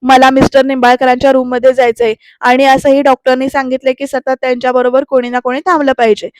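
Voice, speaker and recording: A woman reading the lines of an angry, stubborn young man who refuses to eat, shouting them indignantly. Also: very high-pitched, monotone, fast talker, clean tone, no echo, studio quality.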